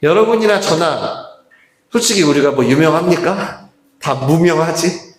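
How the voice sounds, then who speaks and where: Animated high-voiced male pastor preaching. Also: unhurried. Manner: animated preaching, addresses the congregation directly. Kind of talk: sermon. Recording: roomy church hall echo.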